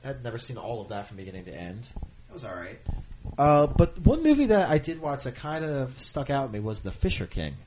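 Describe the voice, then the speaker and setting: A man co-hosting a casual chat at middle pitch. His voice rises and falls a lot, and he is easygoing, curious and quick to laugh. Faint noise sits behind him. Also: very animated. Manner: easygoing, laughs often, asks questions. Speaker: podcast co-host.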